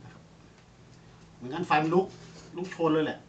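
A man's voice: on the high side, normal speed, dull audio, a little hiss or hum. Chatty Isan Thai man grilling outdoors. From Northeast Thailand. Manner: chatty, addresses viewers as brothers and sisters. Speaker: cooking vlogger. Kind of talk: casual cooking vlog talk.

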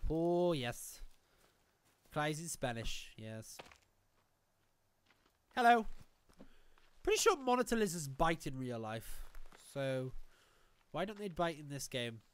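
Joking and excitable, a young Welsh-accented streamer comments live on a survival game from his small home room, speaking to the game and to chat over a headset mic. His voice is a little high and smooth, slow with frequent pauses.

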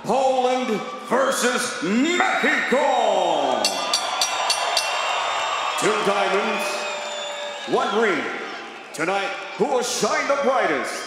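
A man works as a ring announcer in a lucha libre manner, very high-pitched and booming. He drags out his words with shouted showmanship. His voice echoes over an arena PA. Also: very animated, very slow, pauses often, very noisy. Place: boxing ring in a packed arena. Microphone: handheld microphone. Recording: echoing arena PA, loud crowd.

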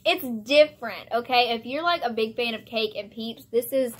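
Young female vlogger, bubbly and giggly, slightly high voice, casual taste-test chat. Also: moderate pace. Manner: bubbly, giggly, exclaims and laughs often.

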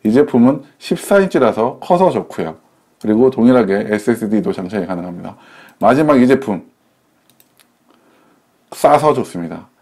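Mellow-voiced man reviewing laptops. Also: on the low side, lively intonation, moderate pace, pauses often. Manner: chatty, self-correcting explanations with simple analogies. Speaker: tech reviewer. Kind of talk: casual product review.

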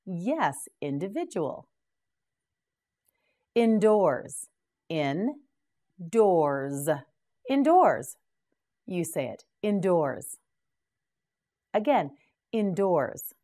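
Slow, lively-toned woman teaching English words. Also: on the low side. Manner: patient, encouraging, prompts learner to repeat. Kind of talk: slow drilled word repetition.

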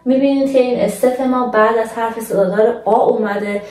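A young woman teaching a language lesson in a patient, casual way, slowing down to model words for her viewers. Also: a little high, fairly even intonation, darkish tone, roomy sound, distant mic.

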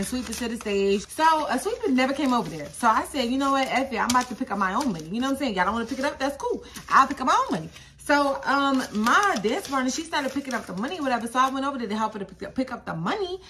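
A young woman, telling a story in a casual vlog, animated and repeating phrases in incredulous high-pitched bursts. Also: background noise. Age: young adult. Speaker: vlogger.

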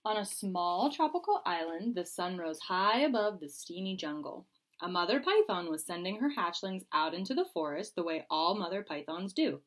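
A woman teacher reading a children's picture book aloud with an expressive, lively delivery. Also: lowish voice, normal speed. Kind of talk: storybook read-aloud.

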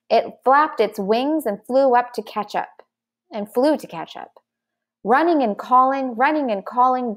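A woman reading a children's book aloud in slow, careful storytelling. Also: fairly high pitch. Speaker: narrator.

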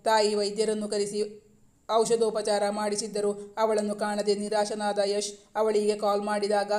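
A woman reading a serialized romance story aloud for her channel, in a flat, even way. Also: mid-range voice.

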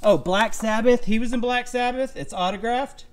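A man in his thirties with a Texan accent, chatting excitedly to camera as he shows off storage unit finds, saying "y'all" and "look" a lot. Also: very high-pitched, moderate pace. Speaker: storage unit reseller vlogger. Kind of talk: casual chat to camera. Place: home room, then cluttered garage indoors.

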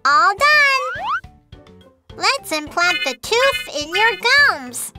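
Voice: very high voice, big pitch swings, very slow, heavily acted. A performer voicing a cheerful young baby shark dentist in a preschool cartoon, speaking simply and reassuringly. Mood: upbeat, helpful. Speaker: cartoon doctor character. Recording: music under the voice.

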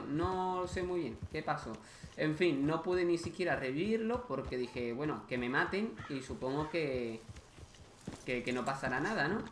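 A man giving casual let's-play commentary, exasperated and cursing freely as he talks to his viewers. His voice sits slightly high for a man. A roomy echo surrounds him. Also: slight background noise. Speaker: gaming video host.

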